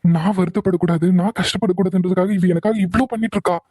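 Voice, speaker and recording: A man voicing a young husband and father in an animated cartoon, quietly remorseful in his thoughts. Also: high voice, fast, slightly rough, no echo, low-quality recording. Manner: soft, remorseful inner monologue.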